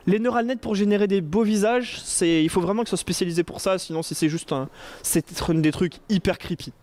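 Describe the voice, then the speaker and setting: A man's voice: high voice, fast, a little mellow. A man giving a casual, joking conference talk to an audience, chatty with many fillers and restarts. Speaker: conference speaker. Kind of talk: casual tech talk with slides. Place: conference room before an audience.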